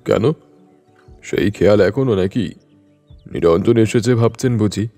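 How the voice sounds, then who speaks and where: A man putting on a gruff, irritated village man. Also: medium pitch, lively intonation, moderate pace, dark tone, soft background music, natural voice. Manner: gruff, impatient, scornful. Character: irritated middle-aged village man, blunt. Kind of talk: storybook narration.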